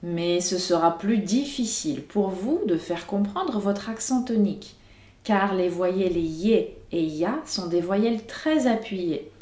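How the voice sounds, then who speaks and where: Woman, language teacher, animated pitch, clear emphatic delivery, echoey recording. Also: slow pace. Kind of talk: scripted video lesson.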